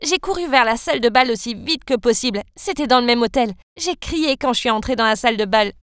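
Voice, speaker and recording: A young woman narrating a first-person story in a dramatic, expressive way. Her voice is high and smooth. The sound is dry and close. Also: brisk, no room sound.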